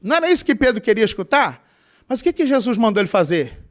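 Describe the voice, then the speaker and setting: A male pastor with a Mato Grosso Brazilian Portuguese accent, preaching with a high voice that leaps up and down. He fires questions at the congregation and slips into whiny, tearful voices to act out the people he talks about. His delivery is animated and theatrical. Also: fast talker. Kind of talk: sermon.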